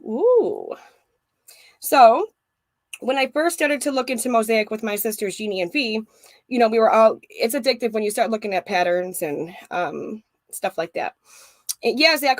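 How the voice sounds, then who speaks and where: A woman in her thirties or forties hosting a casual crochet livestream from her craft room, warmly greeting viewers by name. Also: fairly high pitch, no room sound. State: out of breath.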